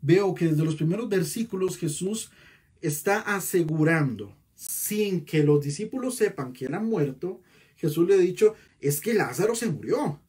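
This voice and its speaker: Husky, animated male preacher. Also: high-pitched, moderate pace. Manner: animated preaching with rhetorical questions. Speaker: pastor. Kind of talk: sermon.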